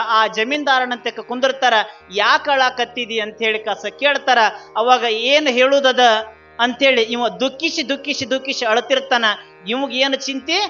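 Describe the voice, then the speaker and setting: A male preacher with a North Karnataka accent tells a story in a high, bright voice, repeating phrases and putting questions to the audience. The recording sounds slightly dull, with faint Carnatic music underneath. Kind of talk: sermon storytelling.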